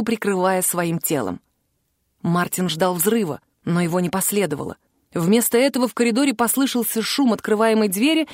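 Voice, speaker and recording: Female audiobook narrator, measured and even, dry close-mic sound. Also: medium pitch, no echo.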